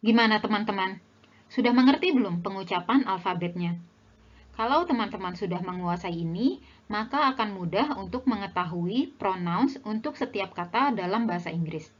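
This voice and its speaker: Young woman, husky, friendly teacher, dull lo-fi sound. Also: medium pitch, expressive, moderate pace. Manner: friendly, addresses viewers as friends. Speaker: language teacher. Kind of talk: scripted educational narration.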